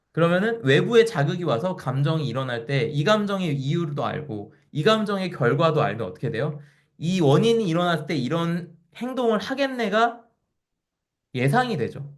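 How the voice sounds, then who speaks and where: Lively middle-pitched man giving a lecture. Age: 40s. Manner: asks the audience questions, acts out quoted voices. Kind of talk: lecture to a live audience.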